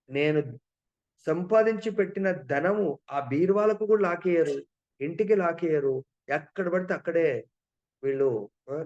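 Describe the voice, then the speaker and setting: A man's voice: on the high side, darkish tone, lo-fi sound, lightly acted. A man voicing an attached old householder who keeps making excuses. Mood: pleading.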